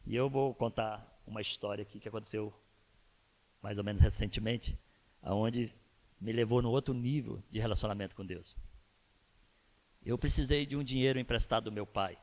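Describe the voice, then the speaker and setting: Gravelly-voiced pastor in his fifties. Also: on the low side, normal speed, long pauses, darkish tone. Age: 50s. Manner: storytelling, asks the audience rhetorical questions. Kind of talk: conversational sermon. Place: church.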